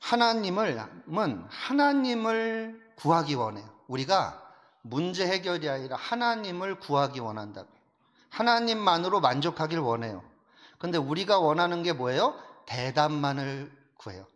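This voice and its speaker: A middle-aged male pastor preaching a sermon in a blunt, rough-spoken way, shifting between loud exhortation and quiet, confiding asides. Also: on the high side, big pitch swings, normal speed. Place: church sanctuary. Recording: long hall reverb.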